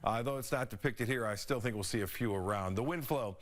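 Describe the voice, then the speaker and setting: A man's voice: mid-range voice, fairly quick. A male local TV weather forecaster with a mid-range voice. He talks through the forecast off the cuff, in a folksy, conversational manner.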